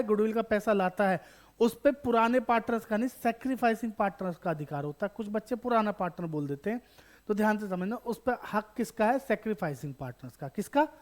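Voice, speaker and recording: A male teacher walks students through an exam topic in a fairly high voice. He talks to them directly and fondly, poses a question, then supplies the answer himself, and repeats the key terms so they stick. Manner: calls students beta, bachche, addresses viewers directly. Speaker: accountancy teacher. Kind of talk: online exam-prep lesson.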